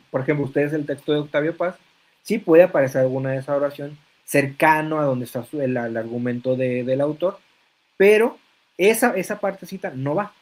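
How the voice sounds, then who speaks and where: A man lectures in an online class, his voice sitting a bit high for a man. He explains patiently, pausing on fillers and checking that his students follow along. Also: rough recording. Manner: hesitant fillers between phrases. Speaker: teacher.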